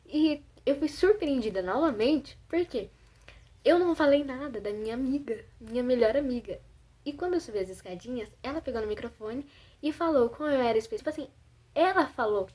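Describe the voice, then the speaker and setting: A woman's voice: fairly high pitch, a little mellow, slightly rough. A young woman from Brazil telling a personal story in a chatty, self-conscious way, full of fillers. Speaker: vlogger.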